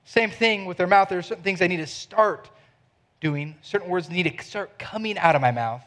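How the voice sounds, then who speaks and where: A man's voice: sits high, normal speed, a bit bright. A middle-aged man preaching a sermon in a church, earnest and conversational, asking the listeners questions. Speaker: pastor.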